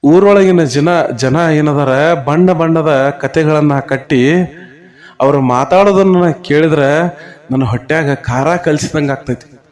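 A grieving husband pleads with a holy man in a desperate storybook voice, as a man puts him on. His voice rides a little high and breaks into emotional begging. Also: takes it slowly, darkish tone. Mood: pleading.

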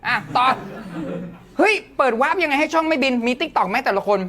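A man's voice: very high voice, lively intonation, a little fast, sharp tone. A man hosting a live stream, bantering casually and joking with crude slang.

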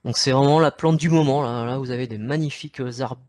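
A man's voice: medium pitch, quick pace, a little mellow, dry recording. Man, French accent, informal nature lecture, chatty with fillers, dry close sound. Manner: chatty, many fillers and restarts, pointing out slides. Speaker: nature guide giving an online talk. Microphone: computer mic at home.

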